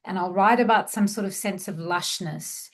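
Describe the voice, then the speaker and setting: A woman's voice: mid-range voice, normal speed. A woman from Malaysia, a guest writer, talking reflectively about her craft with many fillers and restarts. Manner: reflective, meandering, with frequent fillers. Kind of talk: conversational craft discussion.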